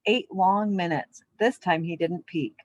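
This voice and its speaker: Addressing young children, a woman who teaches elementary PE delivers a lesson and a storybook read-aloud. She speaks at a measured pace in a fairly low voice, and the sound is dry with no echo.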